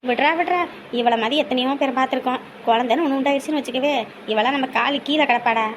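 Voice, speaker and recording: A woman's voice: high voice, noisy background, close to an everyday voice. A middle-aged woman playing a bossy mother who scolds and advises her grown son. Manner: bossy, scolding, quick-fire advice.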